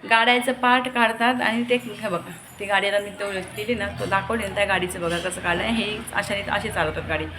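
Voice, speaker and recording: A woman's voice: mid-range voice, steady tone, a little fast, hardly any pauses, background noise. A young woman from Maharashtra, a mother of two, chatting casually to her viewers at home and scolding her kids in between. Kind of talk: casual family vlog chat to viewers. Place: home with a gallery.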